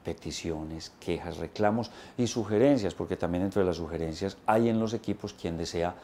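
A man's voice: low voice, moderate pace, warm tone, slight background noise. A man in his thirties, a business coach giving an emphatic instructional talk to camera on a lapel mic in an indoor studio. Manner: emphatic, gesturing with both hands, listing points.

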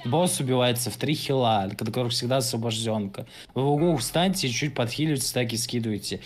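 A man's voice: mid-range voice, fast. A man leading an online game raid over voice chat, giving blunt, bossy, profane instructions. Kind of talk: casual gaming voice chat, calling instructions. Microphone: online voice-chat microphone. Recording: slightly noisy gaming voice chat.

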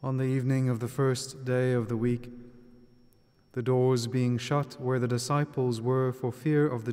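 A man's voice: mid-range voice, a little mellow, smooth. Man with a cathedral echo, solemn priest. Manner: measured, solemn liturgical delivery. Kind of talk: gospel reading and homily. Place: convent chapel. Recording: long echoing church reverb.

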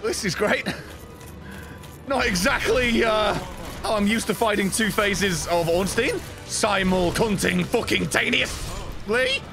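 A man commenting live on his video game, swearing often and swinging between low mutters and exasperated shouts. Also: slow, gravelly. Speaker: streamer. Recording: gameplay stream with music behind.

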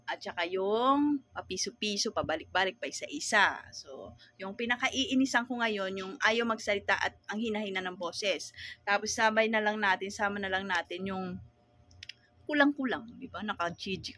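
A woman with a Filipino accent, running a small store and ranting about customers in a casual vlog, animated and laughing often. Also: mid-range voice, normal speed. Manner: animated, laughing, mock-growling. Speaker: sari-sari store owner vlogger.

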